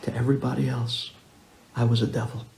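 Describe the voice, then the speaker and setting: Guy doing a grateful teen boy, soft and earnest, gravelly, echoey room. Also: medium pitch, flat delivery, brisk, slight background noise, lightly acted. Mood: tender. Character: grateful teenage boy, reformed troublemaker. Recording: roomy echo.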